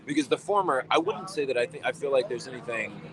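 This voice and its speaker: A man's voice: mid-range voice, expressive, quick pace. A man live-streaming outdoors, answering his chat in a casual, hesitant way and often rephrasing himself. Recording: crowd noise behind. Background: crowd chatter.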